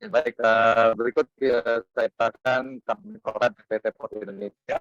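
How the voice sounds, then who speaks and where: A man's voice: mid-range voice, level tone, normal speed, fairly bright tone, dry recording. Man on a breaking-up call line. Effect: audio breaking up over an online call. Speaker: webinar operator. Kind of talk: online meeting talk. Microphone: video call. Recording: muffled, dry online call audio.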